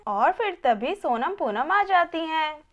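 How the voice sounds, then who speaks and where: A woman hosts and narrates a village doll story. She tells it plainly and steadily. Her voice sits very high. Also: sing-song, slow pace, dull audio. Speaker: storyteller of a doll video channel.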